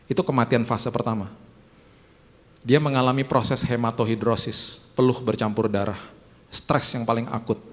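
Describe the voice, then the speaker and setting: A man preaching as a pastor, chatty and conversational, often rising into a much higher, animated tone to press a point. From Indonesia. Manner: conversational, rising to animated high-pitched emphasis. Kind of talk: sermon. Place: church auditorium. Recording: long church hall reverb.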